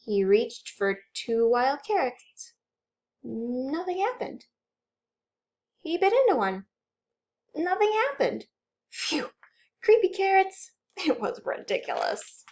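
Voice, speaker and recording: Reading an animated children's story, a woman who works as a children's librarian uses a high, sing-song, darkish voice, going slowly with long pauses. Her expressive delivery builds drama and suspense.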